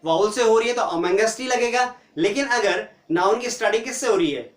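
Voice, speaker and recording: A man's voice: high-pitched, animated, fairly quick, echoey room. A man teaching an English grammar lesson in Hindi, asking rhetorical questions and answering them himself. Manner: mixes Hindi with English example phrases.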